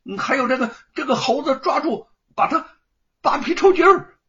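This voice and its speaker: A man voicing an arrogant young rich master who sneers and shouts orders in a high, shrill voice. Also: animated, normal speed, heavily acted. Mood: sneering shouting. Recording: dull lo-fi recording.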